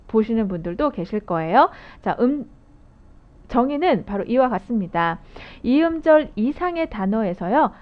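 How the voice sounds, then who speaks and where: A woman giving a recorded phonics lecture to teachers, explaining rules step by step and asking her viewers questions. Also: medium pitch. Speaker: phonics instructor training teachers. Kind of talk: video lecture. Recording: dull lo-fi audio.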